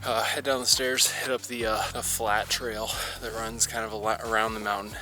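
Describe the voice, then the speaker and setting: A man's voice: fairly low pitch, flat delivery, normal speed, bright, forceful tone, soft background music. A man talking casually to camera while running outdoors on a mountain trail, as in a personal vlog. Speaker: running vlogger.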